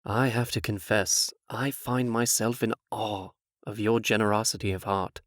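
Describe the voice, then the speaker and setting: A man playing a suave, vain, scheming fairy-tale prince in a comic dub, smooth-talking, theatrical and falsely humble. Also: lowish voice, fairly even intonation, a little slow, a bit bright, no echo, studio quality. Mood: falsely contrite.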